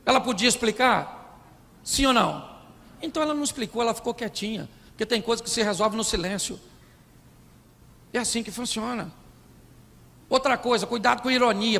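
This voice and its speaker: A man preaching a comic sermon as pastor, animated, acting out couples' arguments in put-on voices. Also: high voice, vocal fry. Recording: live in a large hall with long reverb and faint noise.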